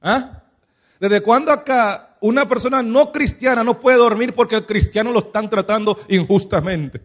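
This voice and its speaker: Pastor, male, high voice, sermon delivery built on rhetorical questions. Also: normal speed. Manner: preaching with many rhetorical questions.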